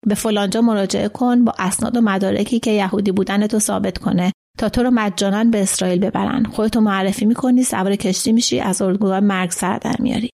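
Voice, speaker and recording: An agitated older man, a camp survivor, presses his old friend in an insistent, pleading voice, as a woman reads him in a storybook. The pitch sits mid-range. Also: fairly even intonation, vocal fry, few pauses, warm tone. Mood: shaken.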